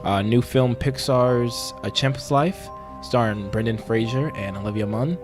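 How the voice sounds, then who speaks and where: Playing an awkward, earnest amateur podcast host, a man rambles hesitantly and deadpans through a mock-investigative interview. His mid-range voice is unhurried and lightly acted, with music playing in the background.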